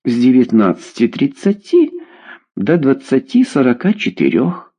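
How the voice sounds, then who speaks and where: A man reading a story aloud, voicing a nosy, sharp-eyed old woman neighbor who boasts about herself. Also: mid-range voice, huge pitch swings, unhurried, slightly rough, exaggerated voice. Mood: telling. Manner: fussy, boastful.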